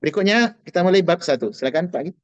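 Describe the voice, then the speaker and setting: A man's voice: sits high, expressive, no echo, muffled recording. Patient man teaching Arabic over a call. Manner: slow drilled pronunciation of Arabic words; patient, reassuring. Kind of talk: online language lesson.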